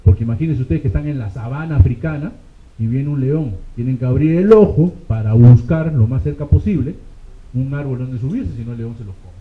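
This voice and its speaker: A man's voice: mid-range voice, expressive, a little fast. Man lecturing on a tinny, echoey recording. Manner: rhetorical questions, frequent "ok?" check-ins. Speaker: medical exam lecturer.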